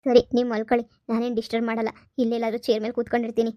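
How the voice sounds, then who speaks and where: A woman plays a caring middle-aged cartoon mother with a fairly high, flat voice. She soothes her family quickly and gently, and the recording is dry and close. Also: dry recording, dull audio, lightly acted. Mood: gentle. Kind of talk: cartoon voice acting.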